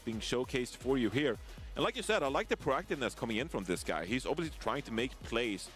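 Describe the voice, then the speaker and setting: A man's voice: medium pitch, fairly quick, soft background music. A man casting a professional esports match, giving analytical play-by-play and joking with his co-caster. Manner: energetic, analytical play-by-play with banter. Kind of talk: esports commentary.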